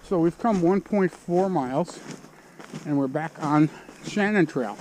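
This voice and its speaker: A man's voice: fairly high pitch, unhurried, a little mellow. A man casually narrating his own hike for a trail vlog, speaking outdoors on a snowy mountain. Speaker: hiker narrating own trek. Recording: noisy outdoor audio with wind.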